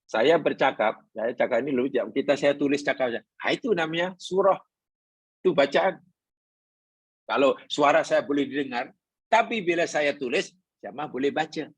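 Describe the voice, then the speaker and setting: A man's voice: on the high side, normal speed, slightly rough, no room sound. A man with a Malaysian Malay accent teaching a Quran class, explaining patiently, repeating his points and asking the congregation questions. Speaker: religious teacher.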